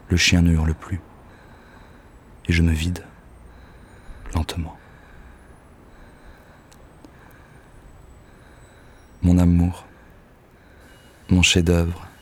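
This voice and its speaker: A bitter, crude lovesick poet. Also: male voice, deep voice, slight background noise. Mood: hushed, lovesick. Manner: gruff, curt and crude; drifts into hushed, half-whispered passages. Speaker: actor in an audio drama. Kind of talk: poetic audio-drama monologue.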